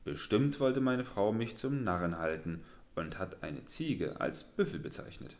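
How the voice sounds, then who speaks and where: Man doing a gullible old farmer, slow-witted. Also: on the low side, lively intonation, darkish tone, roomy sound. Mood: puzzled. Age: older. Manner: hesitant, puzzled musing.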